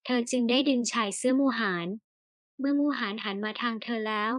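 A woman narrates a novel for an audiobook, reading in a steady storytelling way. Her voice sits a little high, and the recording is dry and close with no room sound. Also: fairly quick, dry recording.

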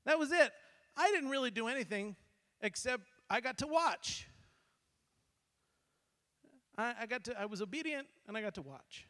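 High-pitched guy pastor telling a church story, lively, trips over his words, big reverb in the sanctuary. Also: brisk. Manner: animated, acts out quotes, frequent restarts. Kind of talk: sermon storytelling. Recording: long hall reverb.

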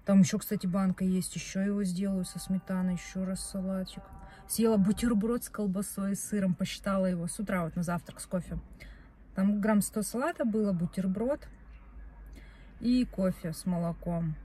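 Filming herself from a parked car with a dashboard phone camera, a young vlogger talks in a chatty, meandering way, frequently correcting herself. She has a warm, husky, mid-range voice with fairly even intonation at a normal speed.

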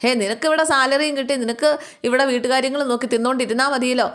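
Brief: woman doing a domineering middle-aged boss lady, scolding and accusing at a raised pitch. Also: fairly even intonation, fast talker, fairly bright tone. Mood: angry scolding.

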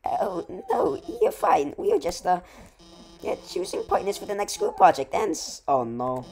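A woman's voice: lowish voice, wildly swooping pitch, moderate pace, vocal fry, a little mellow, soft background music, heavily acted. Woman voicing a stammering, nervous reptile teacher. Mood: nervous, hesitant. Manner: hesitant, stammering. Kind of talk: amateur game dialogue read-aloud.

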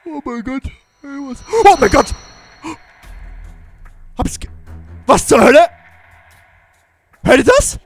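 A man's voice: very high-pitched, expressive, takes it slowly, creaky, long pauses, no echo, faint music behind. A man giving jumpy, exclaiming commentary on a Minecraft role-play adventure, talking straight to his viewers. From Germany. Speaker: gaming YouTuber.

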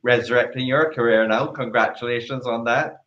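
A man's voice: mid-range voice, steady tone, fairly quick, a bit bright. A man hosting a talk show, asking casual questions with brief reactions and laughs. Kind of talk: casual interview. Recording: echoey, muffled audio.

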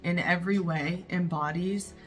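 A woman hosting a movie reaction, talking casually with loud, excitable outbursts and plenty of swearing. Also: on the low side, normal speed, over music.

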